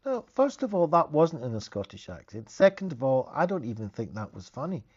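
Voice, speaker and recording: A man's voice: fairly high pitch, very animated, fairly quick, muffled recording. A man, a therapist hosting a casual live stream, talking in a chatty, rambling way with frequent restarts.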